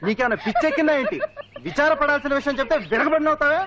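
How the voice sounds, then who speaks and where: A timid young lover. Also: male voice, very high-pitched, rapid-fire, a crowd in the background. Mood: worried. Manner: nervous, worried. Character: timid young man in love, afraid of his brother. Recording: dull old film soundtrack.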